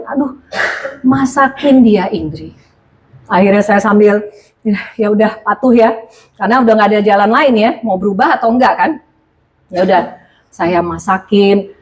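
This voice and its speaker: Animated woman preaching a lively sermon. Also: on the high side. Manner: animated, conversational, addresses the congregation directly. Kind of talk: sermon with personal testimony.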